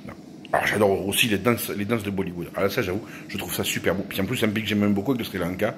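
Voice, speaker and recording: A man talks to his followers in a loose, joking vlog monologue. His voice sits low, and he keeps trailing off and restarting his sentences. A faint hiss of noise runs underneath. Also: fairly even intonation, very fast. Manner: rambling and joking, with many restarts. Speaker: YouTuber.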